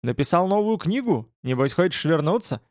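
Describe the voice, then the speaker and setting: A man's voice: fairly high pitch, sing-song, moderate pace, no room sound, studio quality, voice pushed up. A man voicing a flustered, bewildered male literary agent who pleads with his old friend, in an audiobook reading.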